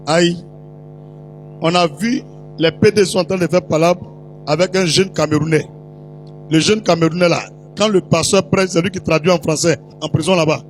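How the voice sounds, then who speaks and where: Over poor audio, a man's high-sitting voice carries an Ivorian French accent as he preaches. The prophet tells stories in his sermon, addressing the congregation directly in a chatty, teasing way.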